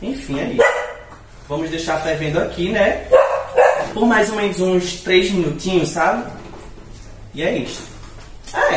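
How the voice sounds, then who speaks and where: In an echoey tiled kitchen at home, a young adult vlogger from Natal, northeastern Brazil, chats and jokes while cooking, dissolving into giggles along the way. He speaks with a Recife-like accent, hissing s sounds, and a voice on the high side, recorded by a camera several feet away.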